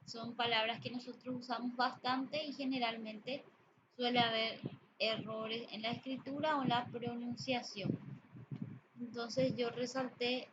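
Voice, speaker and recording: A woman teacher giving a spoken lesson on grammar and usage, explaining slowly with pauses and fillers. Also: fairly high pitch, little pitch movement. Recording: dull lo-fi audio with background noise.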